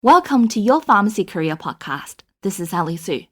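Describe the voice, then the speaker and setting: A woman's voice: mid-range voice, sing-song, fairly quick, a bit bright, faint music behind. A woman hosting a podcast, reading a formal, upbeat introduction and asking interview questions. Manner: upbeat, formal, reads from a script. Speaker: podcast host.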